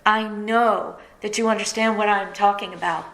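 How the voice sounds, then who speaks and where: Middle-aged woman tearing up, telling her story to listeners, voice at a normal pitch. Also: steady tone, moderate pace, fairly bright tone, low-quality recording. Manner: emotional, tearful storytelling. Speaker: radio host and speaker. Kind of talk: personal testimony to listeners.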